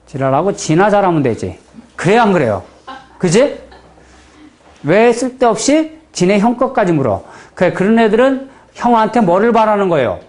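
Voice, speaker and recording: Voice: medium pitch, a little mellow. A fortune-telling teacher with a Chungcheong Korean accent gives a lecture to a class. The delivery is blunt and folksy, and the speaker keeps stopping to ask the students whether they follow. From Chungcheong region, Korea. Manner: blunt and folksy, with frequent rhetorical check-in questions.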